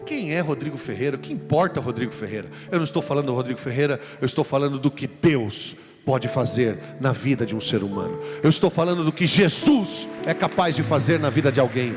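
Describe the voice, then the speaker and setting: A man from Brazil with a São Paulo accent, preaching a sermon and telling a personal story, animated and acting out the voices he quotes. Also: mid-range voice, fast talker. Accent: São Paulo Brazilian Portuguese. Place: large church sanctuary. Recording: long hall reverb with music behind.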